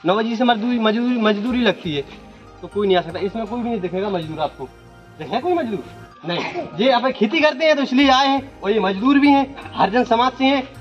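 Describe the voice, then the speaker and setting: Village guy from madhya pradesh, really high voice, earnest and fed up, lo-fi audio with music over it. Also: animated, brisk. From Datia district, Madhya Pradesh, India. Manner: earnest, indignant, talks in short bursts. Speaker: village resident making a complaint. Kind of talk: on-the-spot interview. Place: outdoors at a village school. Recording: dull lo-fi sound with music behind.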